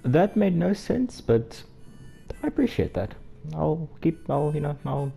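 A man's voice: on the high side, sing-song, measured pace, creaky, warm tone, husky, faint music behind. A man hosting a casual game playthrough, talking in a joking, informal way. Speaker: gaming host.

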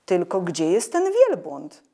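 A woman's voice: fairly low pitch, huge pitch swings, slow, mellow, breathy edge, heavily acted. A woman reading the lines of a dreamy, thoughtful young boy in a storybook, in a wondering, musing tone.

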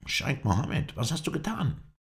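A man doing an excitable, devout servant. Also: low-pitched, moderate pace, creaky, voice pushed up, heavily acted. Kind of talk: audiobook character voice.

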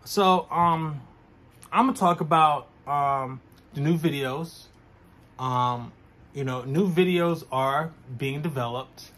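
A young man, a vlogger, talking casually to his viewers from his own room, slow and full of "um" fillers. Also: a little high, a bit bright. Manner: talks slowly with frequent "um" fillers. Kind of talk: casual mukbang vlog chat.

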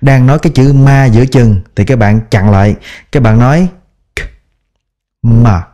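A man teaching English brand-name pronunciation in a patient, step-by-step lesson, repeating each word slowly. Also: medium pitch, mellow. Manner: drawn-out repeated example words, patient explaining. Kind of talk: slow instructional pronunciation lesson.

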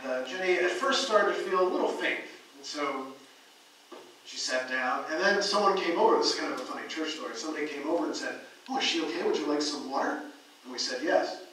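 An American man preaching a sermon as pastor, telling stories and moving between loud emphasis and quiet asides. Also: a little high, slight background noise. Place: church sanctuary. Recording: echoey church hall from far off.

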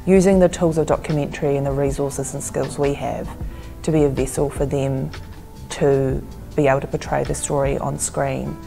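Low gravelly young woman, reflective. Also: steady tone, normal speed, dark tone. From New Zealand, Fijian and Tongan heritage. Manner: reflective, thoughtful, frequent "like". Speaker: documentary director. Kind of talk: casual interview. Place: gallery, seated indoors. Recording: music bed underneath.

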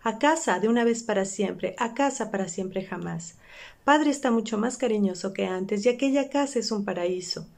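A woman's voice: medium pitch, expressive, moderate pace, creaky. A woman reading aloud, voicing an eager little girl coming to bring her brother home. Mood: joyful.

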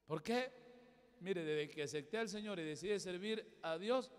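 High-voiced pastor preaching emphatically. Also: male voice, lively intonation, moderate pace, clean tone. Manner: emphatic preaching, swinging from loud exhortation to quiet asides. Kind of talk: sermon. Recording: long hall reverb.

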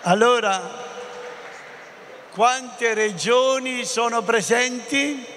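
A man's voice: extremely high pitch, extremely slow, fairly bright tone. A man speaking as a bishop, greeting a large assembly and playfully calling out questions to the audience. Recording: reverberant hall with crowd noise.

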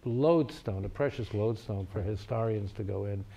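Low gravelly older man telling stories. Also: normal speed. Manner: animated anecdote telling. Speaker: moderator, former ambassador. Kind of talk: panel discussion storytelling.

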